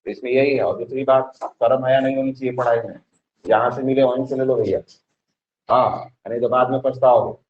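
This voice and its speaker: A man's voice: medium pitch, fairly even intonation, fairly quick. Man teaching chemistry, lo-fi recording. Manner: repeats questions to the class, exhorting. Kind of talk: classroom lesson and pep talk. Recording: slightly dull lo-fi sound.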